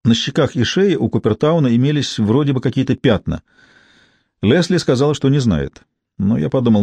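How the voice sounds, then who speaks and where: A man's voice: medium pitch, creaky, dark tone, breathy edge, no echo. A man narrating a first-person audiobook in a dry, ironic storytelling manner.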